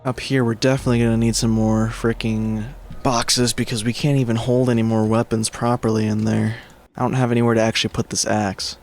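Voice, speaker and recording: A man's voice: medium pitch, level tone, brisk, gravelly. A man giving casual let's-play commentary as a gaming creator, rambling and correcting himself, swearing when things go wrong. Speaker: gaming YouTuber.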